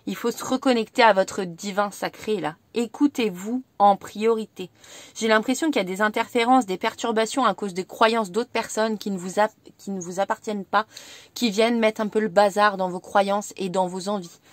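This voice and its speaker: Tarot reader, a French woman, gentle and reassuring, medium voice, dry recording. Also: mid-range voice, fairly even intonation, a little fast, no echo. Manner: gentle, reassuring, repeats herself. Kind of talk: tarot reading video.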